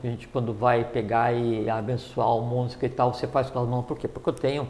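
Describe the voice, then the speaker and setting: A man's voice: mid-range voice, level tone, a little fast, a little mellow, a little hiss or hum. A man explaining spiritual teachings in a rambling talk, with many fillers and restarts.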